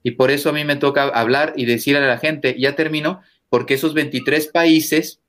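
Emphatic priest speaking forcefully. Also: male voice, fairly even intonation, normal speed. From Mexico. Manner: emphatic, forceful, rises in pitch when stressing points. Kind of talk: interview guest, impassioned preaching talk.

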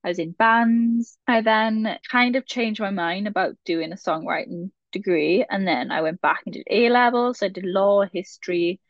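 Talking at normal speed with hardly any pauses, a medium-pitched young Welsh woman from the Valleys rambles chattily as a podcast guest, laughing at herself in casual conversation. The sound is dry and somewhat muffled.

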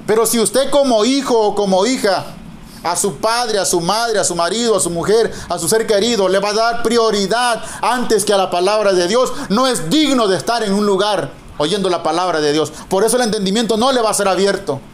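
A middle-aged male pastor preaching a sermon, emphatic and drawing out key words slowly. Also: high-pitched.

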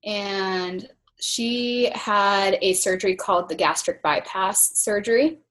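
A woman of thirty-one in a casual interview, explaining things step by step in a measured way, with some fillers. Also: medium pitch, fairly bright tone. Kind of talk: casual conversation.

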